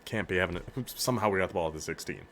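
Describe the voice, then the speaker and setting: A man with a northern American accent giving casual, excitable commentary on his football video game, hyping up his players and laughing often. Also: low-pitched, very fast, slight background noise. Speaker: gaming YouTuber.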